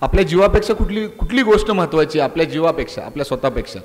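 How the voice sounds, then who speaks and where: A middle-aged man with a high voice lectures students in a big hall, and the long reverb rings after each phrase. He speaks as a police inspector, pressing them with rhetorical questions and half-scolding appeals. The delivery is a lively public speech. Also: rapid-fire. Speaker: police inspector giving a talk. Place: college auditorium.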